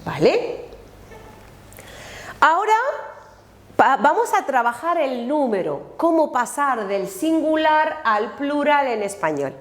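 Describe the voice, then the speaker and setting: A woman teaching a language lesson, slowly and deliberately modeling each word aloud for her students. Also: sits high, sing-song. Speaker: Spanish teacher. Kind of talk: recorded classroom lesson. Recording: echoey room.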